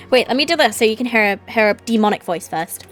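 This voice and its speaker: A woman's voice: on the high side, expressive, fairly quick, soft background music. A woman live streamer chatting casually to her viewers in a playful, rambling, giggly manner.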